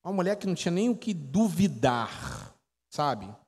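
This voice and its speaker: A man's voice: a little high, big pitch swings, moderate pace, darkish tone, husky. A Brazilian man in his forties, a pastor giving a chatty teaching sermon, telling stories and quizzing his congregation. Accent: Brazilian Portuguese. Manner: chatty storytelling, quizzes the audience. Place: church hall. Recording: echoey church hall.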